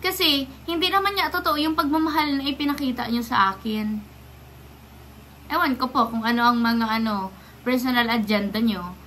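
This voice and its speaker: Young woman, vlogger, from the Philippines, indignant, defiant, rhetorical questions, bright, faint hiss. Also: a little high, normal speed, pauses often. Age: young adult. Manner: polite yet defiant. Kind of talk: direct-to-camera rant.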